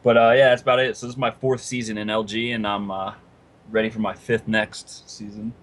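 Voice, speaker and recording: A man's voice: mid-range voice, lively intonation, a little fast, fairly bright tone. A man appearing as a podcast guest, talking in a laid-back, hesitant way with many "uh"s. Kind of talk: casual podcast chat.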